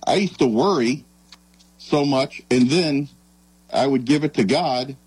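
A man talking casually on a sports show in an earnest, halting, reflective way. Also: medium pitch, darkish tone, breathy edge, dry recording, poor audio.

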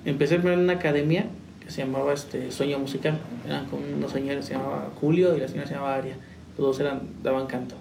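A man's voice: mid-range voice, little pitch movement, fast, vocal fry. A young man, a musician, telling his story in a rambling, casual way with restarts and laughs. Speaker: musician guest. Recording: roomy, distant, faint noise.

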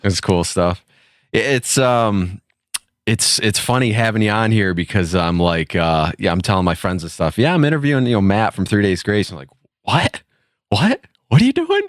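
A man with a low, bassy voice hosts a casual music interview. He talks in a chatty, informal way, and the sound is close and dry. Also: normal speed, dry recording. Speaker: music show host, interviewer.

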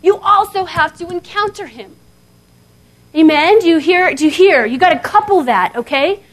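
A woman's voice: very high voice, normal speed. A woman in her thirties giving a conversational sermon at a seminar, often checking in with "okay?". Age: 30s. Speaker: seminar speaker. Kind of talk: sermon-style talk. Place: seminar hall before an audience.

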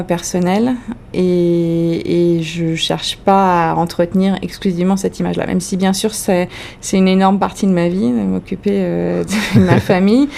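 A woman from France with a French accent, a comedian answering interview questions in a reflective way, often pausing to search for her words. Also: fairly low pitch, gravelly, dark tone. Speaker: comedian guest.

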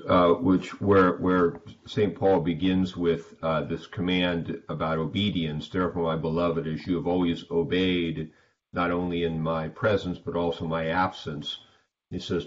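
Low-voiced, hesitant male preacher. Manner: hesitant, conversational, with repeated words. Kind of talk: informal expository sermon. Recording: dull lo-fi sound.

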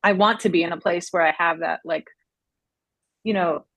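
A woman co-hosting a podcast with a low-pitched voice. She frames her questions thoughtfully and gently. The recording is dry and close. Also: fairly even intonation, normal speed, no echo. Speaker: podcast co-host. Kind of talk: conversational podcast interview.

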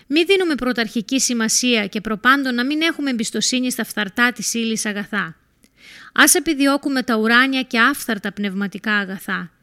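A woman reading a scripted sermon reflection in a steady, exhortative way. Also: a little high.

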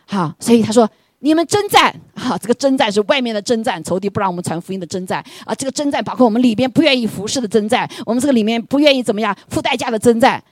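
A middle-aged woman pastor preaching a sermon with animated delivery, often asking the congregation questions. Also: a little high, rapid-fire, hardly any pauses. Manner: animated, rhetorical questions, frequent "对不对".

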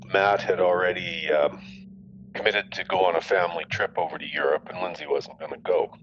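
A man's voice: low voice, steady tone, a little fast, fairly bright tone, slight background noise. A middle-aged father retelling events in an interview, blunt and heavy with profanity. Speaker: victim's father. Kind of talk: recorded interview recollection. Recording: dull lo-fi interview audio.

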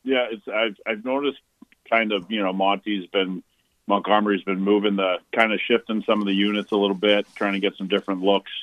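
A man calling in to a sports radio show over a clipped phone line, talking casually and haltingly. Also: on the low side, steady tone, no echo. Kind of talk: casual call-in chat. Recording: tinny dry phone line.

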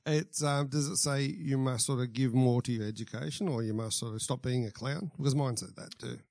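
A man's voice: mid-range voice, vocal fry, darkish tone, no room sound, clean studio sound. An Australian man from the Central Coast, hosting a podcast and asking questions in a casual, joking way. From Central Coast, New South Wales, Australia. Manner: friendly, joking, quick questions. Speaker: podcast host. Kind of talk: casual interview chat.

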